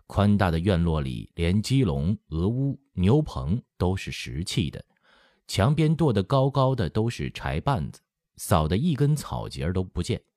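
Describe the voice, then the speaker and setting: Reading a historical novel aloud for an audiobook, a deep-voiced man moves at a moderate pace and gives the narrative an expressive telling. He voices the quoted lines dramatically, and the close studio recording is dry, without echo.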